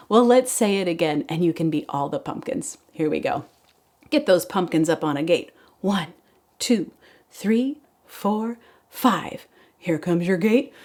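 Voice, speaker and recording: A woman's voice: on the low side, expressive, a little slow, dark tone. A woman speaking in a sing-song, encouraging kindergarten teacher voice, leading preschool circle time with poems and chants.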